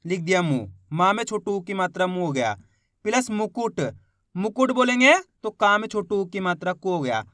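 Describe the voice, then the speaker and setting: A man teaching reading, sounding out each syllable slowly and quizzing the learner as he goes. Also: sits high, expressive, a bit bright, no echo, studio quality. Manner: sounds out syllables slowly, asks pupils questions. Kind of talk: step-by-step spoken lesson.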